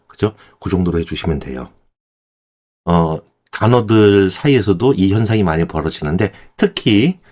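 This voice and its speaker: Male Korean pronunciation teacher, low and expressive, patient and step by step. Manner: demonstrates words slowly, then repeats them. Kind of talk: explanatory lesson.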